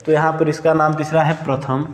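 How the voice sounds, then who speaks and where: In an echoey room with long reverb, a male teacher gives a classroom lecture, dictating notes as he goes. His voice sits a little high with a level tone. He poses questions and answers them himself, slowing to spell out each word while he writes.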